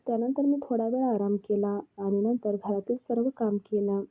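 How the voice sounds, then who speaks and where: A woman's voice: medium pitch, steady tone, moderate pace. A young woman narrating a first-person story in a plain, confessional way. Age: young adult. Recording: tinny phone-like sound.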